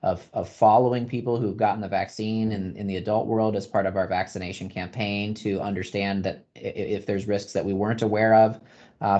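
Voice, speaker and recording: A man answers as a physician panelist on a video call, explaining things step by step and repeating phrases for emphasis. His voice is lowish and dark, and the call audio sounds dull.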